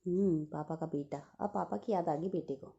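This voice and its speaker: A woman's voice: fairly low pitch, moderate pace, gravelly, dark tone, husky, dull audio. A woman coaxing her pet parrot in doting baby talk. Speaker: pet owner.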